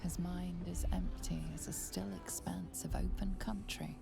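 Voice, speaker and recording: A woman acting as a solemn fantasy game narrator, hushed and deliberate as she describes visions. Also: on the low side, steady tone, creaky, in a whisper. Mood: ominous, hushed. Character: solemn, ominous female storyteller narrating visions. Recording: loud music under the voice.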